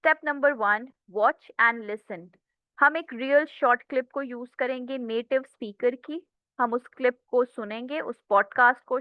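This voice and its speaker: A woman's voice: a little high, no echo, dull audio. A woman teaching an English lecture, explaining step by step and often checking in with the class.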